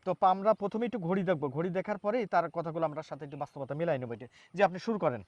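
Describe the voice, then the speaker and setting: A man reporting from Bangladesh who introduces his guest and talks in a halting, repetitive way, full of fillers and restarts. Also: a little high, dry recording, dull audio. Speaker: reporter hosting a local news interview. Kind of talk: on-camera interview with a timed demonstration.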